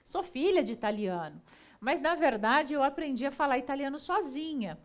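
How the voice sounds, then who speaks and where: A woman hosting a TV talk show, chatty and lively, often talking to the audience. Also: sits high, normal speed. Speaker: TV show host.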